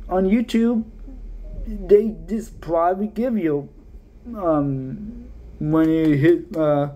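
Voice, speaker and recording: Slow, halting young man, mellow voice. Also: high voice, highs cut off. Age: young adult. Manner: halting, trailing off. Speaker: ASMR video creator. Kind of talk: casual rambling chat. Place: living room at home.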